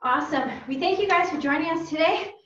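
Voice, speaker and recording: A high-voiced woman karate instructor coaches a family workout class over a video stream, cheering and calling out each cue. She sounds distant from the mic in a roomy space at home. The recording is dull and muffled. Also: fast talker, fairly bright tone. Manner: upbeat, encouraging, calls out cues. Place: home room.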